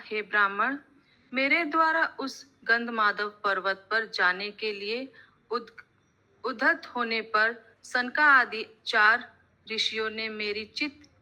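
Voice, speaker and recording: Woman, online scripture reader, very slow reading, very bright tone, careful delivery with small slips. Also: on the high side. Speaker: class moderator and reader. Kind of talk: reading scripture translation aloud. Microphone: video call.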